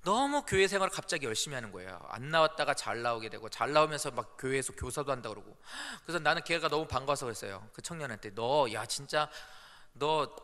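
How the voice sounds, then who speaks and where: A man's voice: mid-range voice, quick pace, hardly any pauses. A male pastor preaching a Sunday sermon in a church, telling stories and acting out the quotes. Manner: animated storytelling with acted-out quotes. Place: church sanctuary. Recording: echoey church hall.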